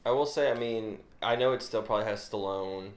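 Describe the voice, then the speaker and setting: A man's voice: fairly low pitch, a little fast. Rambling upbeat man, echoey room. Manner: rambling, restarts a lot, upbeat. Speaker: podcast co-host. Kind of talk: casual film chat.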